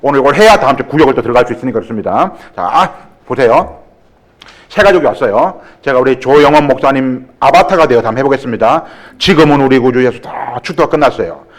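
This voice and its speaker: Animated jokey pastor, lively pitch. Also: male voice, fast talker. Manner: animated, jokey, acts out greetings and dialogue. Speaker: guest pastor leading a church growth seminar. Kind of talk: seminar-style sermon with acted examples and jokes. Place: church sanctuary.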